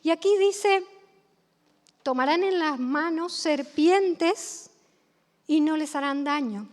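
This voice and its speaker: A woman's voice: high-pitched, takes it slowly. A woman preacher with a Rioplatense accent, delivering a sermon, telling stories and asking the congregation questions. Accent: Rioplatense Spanish. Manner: storytelling, asks the congregation questions. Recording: long hall reverb.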